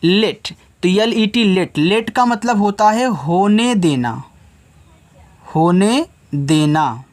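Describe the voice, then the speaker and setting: Leading a children's English phonics lesson, a man with a Hindi accent spells words slowly and carefully, letter by letter. He repeatedly asks a question and answers it himself, speaking in a high-pitched voice with lively intonation.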